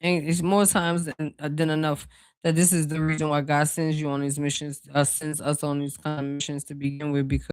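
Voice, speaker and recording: Soft background music plays under a dry recording of a clear, resonant mid-range voice that stays level and moves briskly. It belongs to an intuitive card reader giving a chatty, rambling spiritual reading full of fillers, speaking directly to "y'all" and drifting into asides and laughter.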